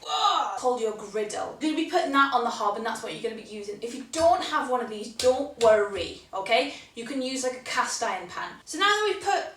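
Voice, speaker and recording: A young Welsh woman chats playfully while she cooks and teaches a few words of Welsh. Her voice sits high. It carries the echo of a home kitchen, picked up from a little way off. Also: sing-song, fairly quick, few pauses, a bit bright, slight background noise. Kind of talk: casual cooking video. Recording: roomy kitchen, mic at a distance.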